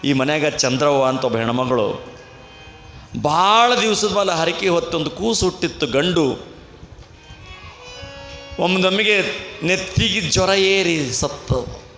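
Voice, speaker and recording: Male preacher with a North Karnataka Kannada accent: high, bright, animated storytelling sermon over a reverberant PA. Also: slow, pauses often, faint music behind. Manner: animated storytelling, acts out voices. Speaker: swami preacher. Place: village temple fair.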